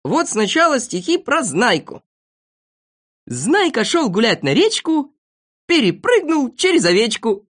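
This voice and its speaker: A woman voicing a cheeky, boastful little boy shorty who chatters excitedly, reading a storybook. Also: fairly high pitch, unhurried, voice pushed up.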